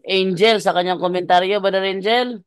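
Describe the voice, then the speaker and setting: Brief: male moderator with a smooth voice and a dry close sound, keeps replies brief. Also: sits high, fairly even intonation, moderate pace, no room sound. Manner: brief agreeing replies, hands the floor to guests. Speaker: host and moderator. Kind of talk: hosting an online discussion.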